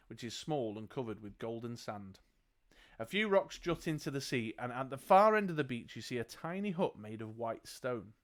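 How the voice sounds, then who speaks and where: Man narrating a gamebook. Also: mid-range voice. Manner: laughs often, jokes between read passages. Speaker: game master narrating a gamebook. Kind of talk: reading a gamebook aloud with banter.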